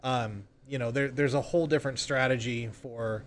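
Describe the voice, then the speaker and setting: A man with a medium pitch talks at a moderate pace, his intonation fairly even, over slight background noise. Acting as a real estate agent in a podcast interview, he casually explains sample sales calls and plays them out.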